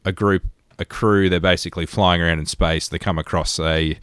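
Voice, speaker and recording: A thirtysomething podcast co-host from rural New South Wales tells chatty stories in an Australian accent. His low, steady voice runs a little fast and is fairly bright, clear, and resonant, with no room sound.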